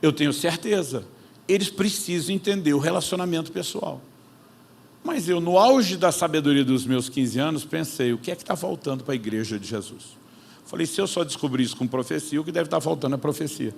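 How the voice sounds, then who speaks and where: A man preaching, an animated storyteller who acts out conversations in his own voice. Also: a little high, brisk, gravelly, a little hiss or hum. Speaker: pastor. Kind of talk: sermon storytelling.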